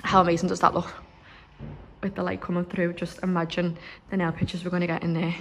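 Excited young woman touring her salon. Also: fairly low pitch, quick pace, slight background noise. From Liverpool, England. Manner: excited, chatty, lots of fillers. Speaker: nail salon owner. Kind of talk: walkthrough vlog. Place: salon under renovation, indoors.

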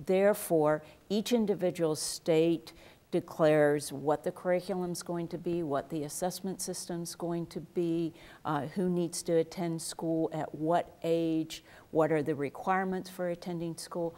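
A middle-aged woman professor explaining education policy on a TV panel in a measured way, on a lapel mic in a studio. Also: on the low side, fairly even intonation, dark tone. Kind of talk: panel discussion. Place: TV studio set.

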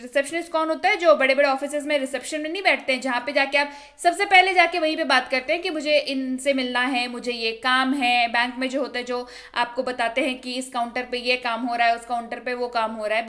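A young woman from India teaching spoken English in an online lesson, asking and answering her own questions and repeating examples slowly. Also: sits high, a bit bright. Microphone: voice-over over slides.

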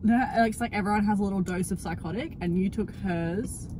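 Young woman, Australian accent, teasing, playful, casual chat, mid pitch, faint background noise. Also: brisk, dark tone, poor audio. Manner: teasing, playful, asks the questions. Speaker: teacher and co-host.

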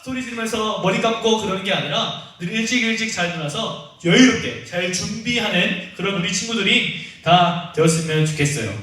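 A young man with a bright, high voice leads an online Sunday school lesson for children, teasing the kids and calling them by name. His pitch swings widely as he talks. He sounds far from the mic in an echoey church room. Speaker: children's ministry teacher.

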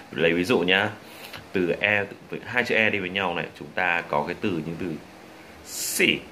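A young man with a Vietnamese accent teaches English pronunciation, drawing sounds out and repeating each drill word. His voice sits very low but rings bright and forward. Faint ambient noise hums behind him. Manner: demonstrates sounds slowly and repeats drill words.

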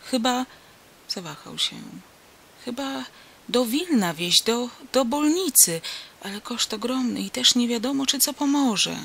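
A reader voices a stubborn old village miller, a grieving father with a grave, halting, wary way of speaking. The tone stays bright despite his years. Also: mid-range voice, animated, vocal fry, breathy edge, voice pushed up, heavily acted. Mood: hesitant. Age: older.

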